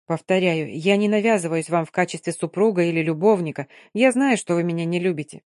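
A woman's voice: fairly low pitch, fairly quick, darkish tone, dry recording, lightly acted. Woman reading an earnest officer who wont take no, audiobook, dry close sound. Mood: pleading. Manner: insistent, pressing. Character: earnest officer in love, man.

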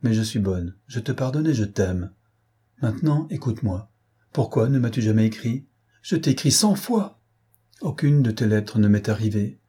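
A man's voice: lowish voice, expressive, normal speed, mellow, husky. Man reading as a scolding, loving young woman. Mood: reproachful.

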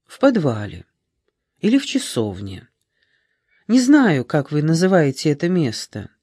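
A man reading an audiobook, voicing a young woman in her twenties who questions firmly and calmly. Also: a little high, unhurried, husky, no echo, studio quality, heavily acted. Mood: probing. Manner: firm, probing, calm.

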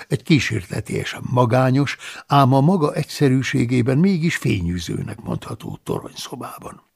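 A man reading an audiobook in the first person, with calm, measured storytelling and a gravelly, husky voice. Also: medium pitch, dry recording, studio quality. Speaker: audiobook narrator.

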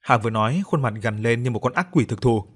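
Man narrating a dark audiobook story. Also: medium pitch, quick pace, breathy edge. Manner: steady storytelling.

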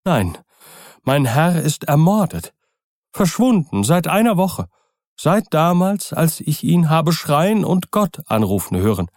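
Old manservant, scared and insistent, pitched up, read by a man. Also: sing-song, takes it slowly, darkish tone, dry recording, studio quality, exaggerated voice. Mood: agitated, fearful. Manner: urgent, pleading, rising pitch. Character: agitated old male butler, fearful.

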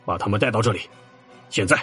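A stern, angry councillor. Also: male voice, fairly low pitch, fast talker, fairly bright tone, husky, faint music behind. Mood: commanding. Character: stern angry middle-aged male councillor. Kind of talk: audio drama acting.

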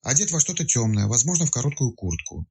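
Man putting on a high, grumbling village woman. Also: sing-song, fast talker, creaky, darkish tone, a little hiss or hum, heavily acted. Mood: sleepy chatty. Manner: grumbling, then frightened and chatty. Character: sleepy grumbling village woman woken at night.

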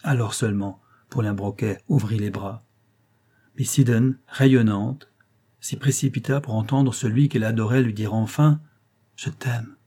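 Mellow, husky male audiobook narrator. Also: lowish voice, fairly even intonation, normal speed. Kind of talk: scripted narration.

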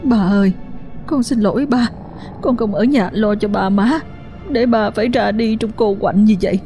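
A woman voicing a grief-stricken young woman who sobs and shouts back in defiance, with a Southern Vietnamese accent. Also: mid-range voice, normal speed, faint music behind, pitched above the performer's own voice, close to an everyday voice. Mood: sobbing, pleading. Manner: sobbing, pleading then defiant.

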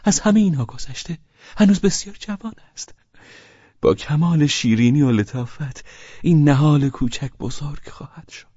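Male narrator doing a nervous, fawning middle-aged drinker, high and husky, dull lo-fi audiobook sound. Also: warm tone, no room sound. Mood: effusive. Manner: pleading, stammering and high-strung. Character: fawning, anxious, tipsy middle-aged man. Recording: dull lo-fi recording.

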